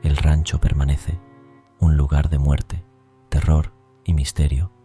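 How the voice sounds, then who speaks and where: Male horror narrator, bottom-register dark voice, grave and foreboding scripted delivery over soft music. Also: rumbling low, level tone, unhurried. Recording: music bed under voice.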